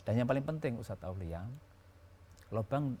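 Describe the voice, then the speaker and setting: A man's voice: medium pitch, lively intonation, moderate pace, warm tone, a little hiss or hum. A man teaching as a religious scholar on a talk show, patiently explaining rules with everyday examples.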